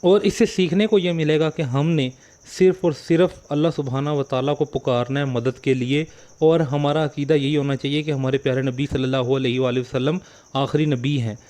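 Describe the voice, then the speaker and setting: A man's voice: mid-range voice, steady tone, brisk, mellow. A man hosting a religious video channel, speaking directly to viewers and posing rhetorical questions. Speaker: channel host. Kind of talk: video introduction and commentary.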